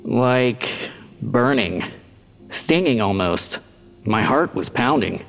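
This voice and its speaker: A man's voice: mid-range voice, expressive, slow pace, gravelly, a bit bright, heavily acted. A sarcastic blunt ghost guy, reverby sound. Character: snarky male ghost actor, Colonel Mustard role. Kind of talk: audio drama acting.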